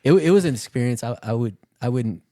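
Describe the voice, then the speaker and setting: Fast-talking co-host with a mellow voice. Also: male voice, medium pitch, expressive, dry recording, studio quality. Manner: earnest, telling of a hard illness. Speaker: podcast co-host. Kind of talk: casual chat. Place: podcast studio.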